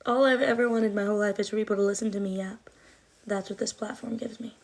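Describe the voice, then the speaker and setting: A woman in her twenties answers comments in a casual livestream chat, rambling along with plenty of likes and ums. She talks fast in a mid-range voice with a steady tone, and she has a slight lisp and some trouble with her R sounds.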